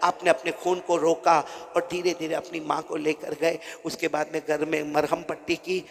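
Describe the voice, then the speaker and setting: A male preacher telling a story in a sermon, swinging from soft murmurs to shouted peaks and calling listeners his dear ones. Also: a little high, little pitch movement, normal speed, gravelly, slight background noise. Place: village gathering. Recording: echoey hall reverb.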